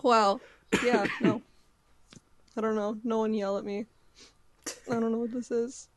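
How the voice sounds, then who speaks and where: A woman's voice: on the high side, level tone, unhurried. A woman in casual chat, a co-host who reacts briefly as she listens.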